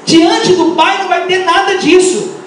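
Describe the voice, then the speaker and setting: A middle-aged woman with a Brazilian accent preaching an impassioned Pentecostal sermon, firing rhetorical questions and breaking into shouts. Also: very high-pitched, steady tone, measured pace, soft background music. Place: large church hall. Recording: echoey church hall, mic far off.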